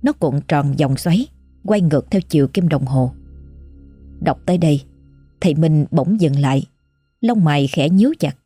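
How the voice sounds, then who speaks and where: A woman tells a ghost story in a measured, suspenseful way, her voice low, dark and husky. Faint music runs underneath the narration. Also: animated, dry recording.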